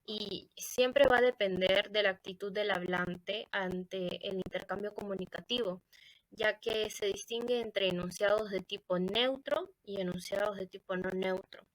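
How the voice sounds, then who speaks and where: A woman's voice: medium pitch, measured pace, no room sound, low-quality recording. A woman with a Latin American Spanish accent giving a recorded class presentation, hesitant, with many fillers and self-corrections. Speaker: student presenter. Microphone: computer microphone.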